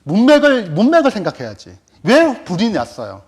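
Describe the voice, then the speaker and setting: A man teaches Scripture in a lecture, firing off rhetorical questions and answering them himself. His voice is high, husky and full of rise and fall. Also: huge pitch swings, moderate pace. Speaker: Bible teacher. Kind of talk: Bible study lecture.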